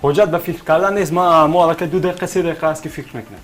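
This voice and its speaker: A man's voice: on the high side, fairly even intonation, faint music behind. A man with a Tajik accent hosting a TV quiz, coaxing the contestants and repeating their answers back to them. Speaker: quiz show host.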